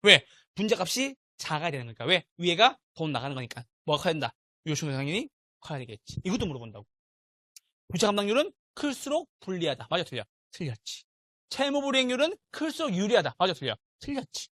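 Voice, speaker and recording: Middle-aged male lecturer, lively swinging pitch, bright forceful tone, quizzes the class over and over. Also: fast, no echo, clean studio sound. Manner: animated, drills students with repeated call-and-response questions. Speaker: real estate exam lecturer.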